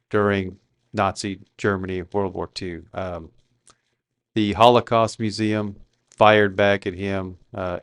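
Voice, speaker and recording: A man's voice: fairly low pitch, smooth, no echo, clean studio sound. A man giving casual political commentary, indignant and peppered with "uh" fillers.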